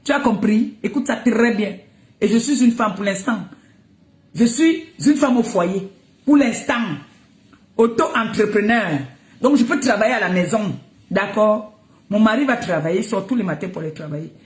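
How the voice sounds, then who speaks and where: A woman's voice: medium pitch, moderate pace, roomy sound. A woman, ranting and scolding someone on social media, mocking and breaking into laughter. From Cameroon. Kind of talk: heated live rant.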